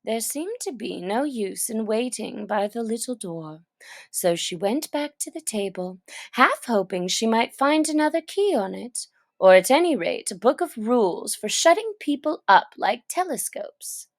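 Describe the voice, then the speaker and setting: A woman reading a classic children's story aloud in an expressive, gentle storytelling manner. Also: fairly high pitch, measured pace. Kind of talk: read-aloud storybook narration.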